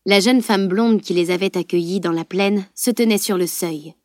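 A woman reading a fantasy novel aloud in a steady, measured storytelling voice. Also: mid-range voice, dry recording, studio quality. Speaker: audiobook narrator. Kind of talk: scripted audiobook narration.

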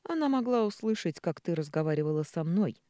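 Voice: medium pitch, expressive, a little fast, warm tone, no room sound, studio quality, lightly acted. A reader doing a firm young son-in-law. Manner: firm, reproachful. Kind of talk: audiobook character voicing.

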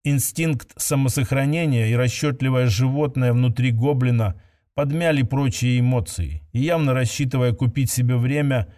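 A man reading a science-fiction story aloud as narrator, steady and even. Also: medium pitch, moderate pace. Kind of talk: scripted audiobook narration.

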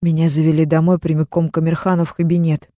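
A woman's voice: low voice, little pitch movement, fast talker, warm tone, no echo, studio quality. A woman narrating a first-person audiobook in a tense, emotional reading.

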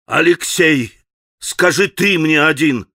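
A passionate, defiant young man declaiming with heat and emphasis. A man voices him in an audiobook. His voice sits a bit high and bright, recorded close and dry. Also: slow pace, dry recording, full character voice. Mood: urgent.

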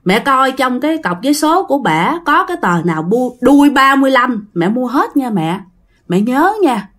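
A woman with a Southern Vietnamese accent voicing the ghost of a dead young man who earnestly begs his mother, repeating his gentle pleas. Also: high voice, big pitch swings, normal speed, exaggerated voice. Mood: pleading. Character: dead young man's ghost, bloodied, pleading son.

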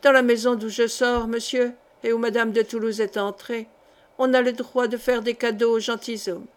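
A woman's voice: on the high side, level tone, normal speed, close to an everyday voice. A woman reading as a proud young officer. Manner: earnest, proud.

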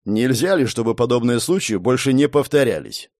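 A man's voice: mid-range voice, expressive, brisk, a little mellow, no echo, studio quality, close to an everyday voice. A man voicing a stern, bossy police constable giving orders. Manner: commanding.

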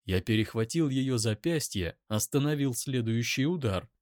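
A man's voice: mid-range voice, expressive, normal speed, a little mellow, no room sound, studio quality. Man narrating a dramatic first-person story. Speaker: audiobook narrator.

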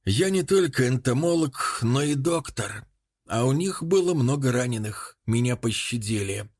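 A man voicing a gloomy, reserved old male professor who answers in short, quiet sentences. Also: medium pitch, animated, moderate pace, natural voice. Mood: grim.

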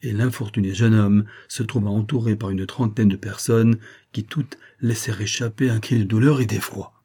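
Man narrating a classic novel as an audiobook, dark, husky voice, steady and measured. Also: lowish voice.

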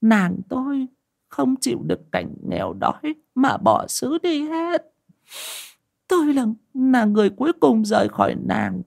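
A woman's voice: sits high, very animated, measured pace, vocal fry, a little mellow, voice pushed up, full character voice. A man voicing an older village wife who was once a shaman, crying and pleading in a choked voice. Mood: sorrowful recollection.

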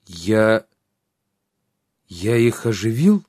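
A man's voice: mid-range voice, fairly quick, darkish tone, no room sound, studio quality, lightly acted. A man voicing an earnest young apprentice wizard who speaks in a pleading, hesitant way. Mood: uneasy.

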